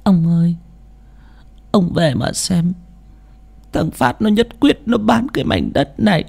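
A woman's voice: very high-pitched, lively intonation, measured pace, gravelly, darkish tone, exaggerated voice. A woman voicing a grieving old widow who pleads through tears. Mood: tearful pleading. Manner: tearful, pleading, sobbing. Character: grieving old widow haunted by her husband.

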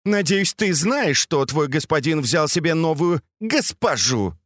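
A man reading aloud, voicing an imperious, sharp-tongued noblewoman who scolds and commands her servants. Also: sits low, big pitch swings, a little slow, dry recording, studio quality, voice pushed up, heavily acted. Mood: furious.

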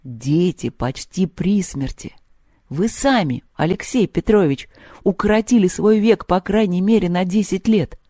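Woman audiobook narrator, dark-toned, dry close mic. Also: lowish voice, unhurried, no room sound. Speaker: audiobook reader. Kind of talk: scripted literary narration.

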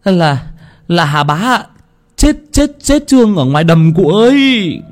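A man voicing a terrified young male servant who stammers and repeats his words, pitched high. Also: big pitch swings, a little slow. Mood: panicked.

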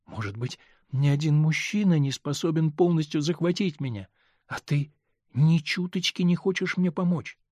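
A male reader voicing a torn, pleading married woman in an audiobook, speaking softly. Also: a little high, moderate pace, no room sound, natural voice. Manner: soft and pleading. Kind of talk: audiobook character reading.

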